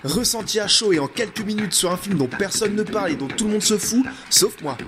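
A young man talks casually about films for his podcast, joking at his own expense. His voice sits a bit high and he trips over himself with hesitant fillers. Quiet music plays behind him. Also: expressive, fast. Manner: playful, self-mocking, many filler "euh"s. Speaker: podcast host reviewing films. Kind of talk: casual comic monologue.

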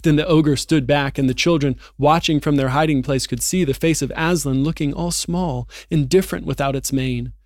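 Expressive man reading aloud. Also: fairly high pitch, moderate pace, hardly any pauses, no room sound, studio quality. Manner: earnest, expressive reader. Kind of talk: reading a storybook aloud and Bible discussion.

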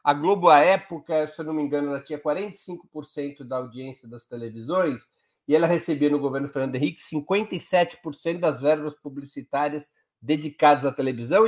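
Brazilian man giving emphatic political analysis. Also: fairly high pitch. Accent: Brazilian Portuguese. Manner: explanatory, emphatic, builds arguments step by step. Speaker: political commentator guest.

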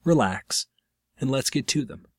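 Slow, deliberate male storyteller. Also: mid-range voice, lively intonation, heavy background noise. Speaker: narrator. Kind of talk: scripted narration of short fiction.

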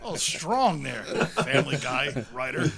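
A man's voice: medium pitch, animated, slow, gravelly, a loud crowd. A man in his fifties from New York City, hosting a casual podcast chat. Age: 50s. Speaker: podcast host, author.

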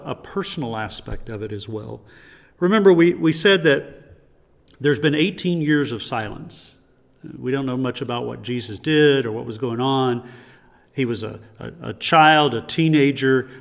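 A man's voice: mid-range voice, big-room sound. A man preaching a sermon as pastor, earnest, often restarting his words. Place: church sanctuary.

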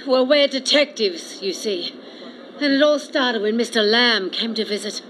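Bright high-voiced aussie lady detective, woman acting it, bossy and teasing, radio comedy. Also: a little slow, slight background noise, rough recording. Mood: brisk. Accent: Australian. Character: brisk female detective, bossy divorced wife.

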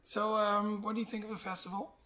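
A deep-voiced man from the Netherlands, chatting casually in a hesitant, understated way as a podcast host. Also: flat delivery, a little fast, pushed and bright. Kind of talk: casual chat. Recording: faint background noise.

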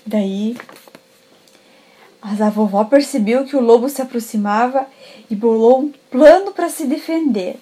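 Woman storyteller, lively, high voice, reads to a child, checks in with questions. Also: a little slow, pauses often, breathy edge, rough recording. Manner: animated, asks the listening child questions. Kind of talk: bedtime story reading.

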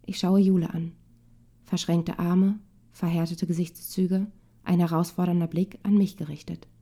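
A woman couples therapist calmly reading a nonfiction book aloud in a measured way. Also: lowish voice.

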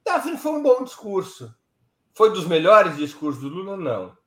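An older man talks politics with a fairly high voice and lively delivery, now and then dropping into an anecdote or a mock quotation. The sound bounces around an echoey room. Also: moderate pace. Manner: animated, with anecdotes and rhetorical asides. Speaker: political commentator. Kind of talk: casual political commentary.

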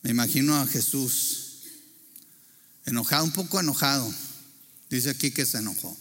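A man's voice: medium pitch, moderate pace, a bit bright. A man with a Mexican accent preaching a sermon, earnestly asking the congregation questions. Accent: Mexican Spanish. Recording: preaching in a reverberant hall.

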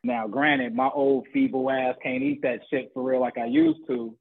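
A man's voice: medium pitch, moderate pace, vocal fry. A man, talking in a laid-back, slangy way and swearing freely in casual chat. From Chicago south suburbs. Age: 30s. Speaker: podcast guest. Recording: dry phone-like sound.

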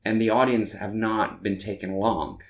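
A Norwegian musician, speaking Norwegian as his first language, chats casually in an interview with a lowish voice, steady tone and normal speed. As a guest, he rambles and frequently restarts his sentences.

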